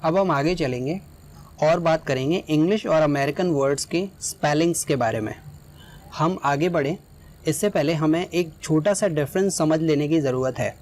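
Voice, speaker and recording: Man explaining a lesson, fairly high voice. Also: moderate pace, darkish tone. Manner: explanatory, often checks in with "right?". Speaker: teacher.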